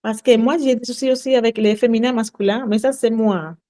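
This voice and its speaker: A Latin American woman, a native Spanish speaker with a Spanish accent, earnestly leads a casual sales training session over a group call, often repeating herself. Her voice is fairly high and dark in tone, and she speaks a little fast.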